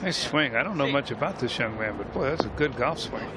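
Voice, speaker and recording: A man's voice: medium pitch, animated, brisk. A man giving casual live golf commentary with folksy, plain-spoken reactions to each shot. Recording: loud crowd and outdoor broadcast noise. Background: crowd and outdoor noise.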